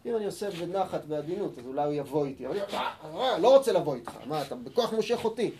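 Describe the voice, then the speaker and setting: Guy teaching torah, mellow dark voice, reads slow then suddenly gets loud acting out arguments. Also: fairly high pitch, a little hiss or hum. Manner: explains calmly, reads sources slowly, then acts out quarrels with sudden loud bursts. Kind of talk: Torah lesson.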